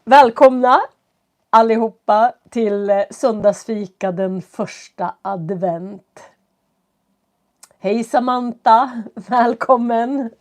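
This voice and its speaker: Woman with a stuffy nose, slow and clear. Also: a little high, darkish tone. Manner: slow, clear speech for learners, greeting viewers. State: stuffy nose and cough from a cold. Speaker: Swedish teacher hosting a live stream. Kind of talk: casual live-stream chat with viewers. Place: at home. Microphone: computer setup.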